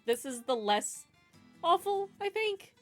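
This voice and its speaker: A woman streams a game and talks casually as she plays. Her pitch moves around in a lively way, and music plays quietly behind her. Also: slow pace. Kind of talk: casual chat while playing a game.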